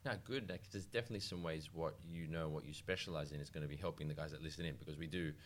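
Man, podcast host, easygoing, very deep voice. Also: very fast. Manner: easygoing, lots of short backchannels. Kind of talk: podcast interview.

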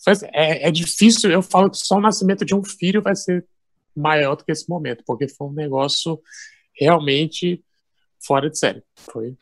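A man being interviewed as an athlete, who talks about his memories in a relaxed, conversational way. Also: on the high side, normal speed, no echo. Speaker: guest athlete. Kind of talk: casual interview chat.

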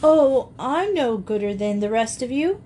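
Woman reader voicing a gentle, earnest girl, soft and near tears. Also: a little high, animated, a little slow, slight background noise, pitched above the performer's own voice. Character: gentle, good-hearted young girl.

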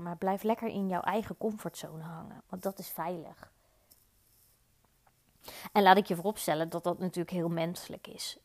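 Dutch woman podcast host, candid, direct coaching monologue, slight vocal fry. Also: mid-range voice, a little mellow. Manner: earnest, direct, addresses listener.

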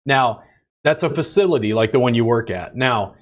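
A man hosting a casual podcast conversation, animated and blunt, swearing and acting out what other people say. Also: medium pitch, moderate pace. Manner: animated, swears, acts out quoted people in raised voice. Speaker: podcast host and bodywork teacher.

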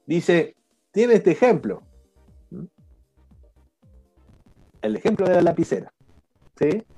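A man with an Argentine Spanish accent teaches a live online coaching class over a video call, his voice high, slow, and gravelly with a breathy edge while faint music plays behind him. He's lively and keeps questioning the group, often tossing in "¿no?" and "¿sí?".

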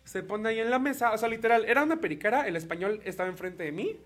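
A man's voice: high voice, quick pace. A young man with a Mexican accent, chatting as a podcast co-host and acting out voices as he tells anecdotes. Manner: animated, acts out voices in anecdotes. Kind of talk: casual storytelling chat.

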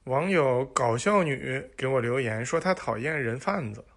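A man's voice: medium pitch, lively intonation, moderate pace, fairly bright tone. A man hosting a joke show, telling corny dad jokes to listeners in a playful, teasing way and acting out the dialogue.

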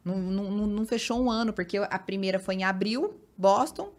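A woman who runs marathons and works as a fitness influencer, chatting as a podcast guest and telling stories with lively acted-out quotes. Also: mid-range voice, fairly quick. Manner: animated storytelling, acts out quoted remarks, frequent "né" and "então, assim". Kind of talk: casual podcast conversation.

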